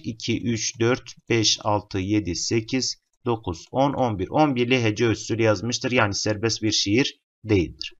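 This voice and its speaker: A man's voice: lowish voice, dull audio. A male teacher working through literature exam questions step by step, calling his students friends. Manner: steady explanatory, addresses students as friends.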